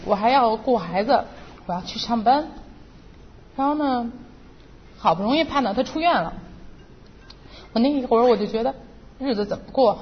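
A middle-aged woman giving an earnest, emotional personal testimony at church. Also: fairly high pitch. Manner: earnest and emotional, re-enacting her own prayers. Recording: muffled, reverberant hall with faint noise.

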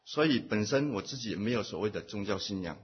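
A man giving a personal testimony at a church meeting, speaking in short phrases and pausing for an interpreter. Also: fairly low pitch, expressive, slightly rough. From Taiwan. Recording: muffled lo-fi recording.

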